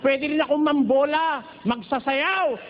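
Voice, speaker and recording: A man from the Philippines preaching at a Bible study in a teasing, joking way, at times slipping into slow chanted singing. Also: very high voice, fairly even intonation. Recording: dull lo-fi recording with faint noise.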